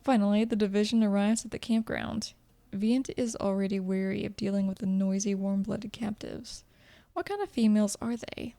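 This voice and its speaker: A woman's voice: mid-range voice, gravelly, mellow. A woman reading a video game story aloud as dramatic narration. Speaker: gameplay commentator and narrator.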